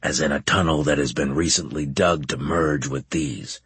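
A man voicing a gruff military officer who gives curt, clipped orders in a deeper voice than his narration. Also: fairly even intonation, normal speed, fairly bright tone, no room sound, heavily acted. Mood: stern. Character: gruff commanding male centurion officer.

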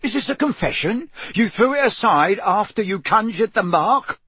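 A man's voice: high-pitched, very animated, unhurried, fairly bright tone, breathy edge, no echo, voice pushed up, exaggerated voice. Man acting a barking, accusing wizard official. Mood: incredulous. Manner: barking, growling, interrogating. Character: blustering, accusing male wizard official, harsh and suspicious.

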